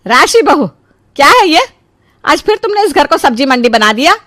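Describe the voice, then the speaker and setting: A woman's voice: medium pitch, moderate pace, a bit bright, no room sound, clean studio sound, lightly acted. A woman doing a nagging mother-in-law. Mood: scolding. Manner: nagging, sarcastic. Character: scolding middle-aged mother-in-law, exasperated.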